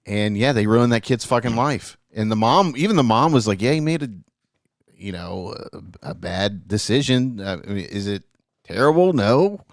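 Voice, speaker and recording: A man's voice: lowish voice, moderate pace, hardly any pauses, no room sound, clean studio sound. A man co-hosting a podcast in casual chat, blunt and profane. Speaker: podcast co-host.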